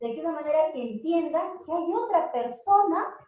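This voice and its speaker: A woman with a high voice speaks to a group of parents. She keeps asking them questions and slows right down on the words she wants to stress. The recording is very echoey and dull, as if picked up in a bare room on a low-grade mic. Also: lively intonation, slight background noise. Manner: asks the audience many questions. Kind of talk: talk to parents.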